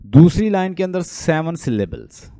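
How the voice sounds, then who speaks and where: A man's voice: fairly high pitch, moderate pace, dry recording. A man giving an online English literature lecture, repeating points and asking the class questions he answers himself. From Pakistan. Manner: lively and repetitive, asks questions to the class then answers them; mixes English terms into Hindustani speech.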